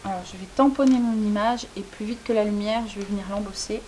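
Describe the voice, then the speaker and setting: A woman's voice: mid-range voice, quick pace, a little mellow, poor audio. A woman hosting a crafting tutorial, explaining each step in a chatty way with frequent hesitations. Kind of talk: casual demonstration tutorial. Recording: faint hiss.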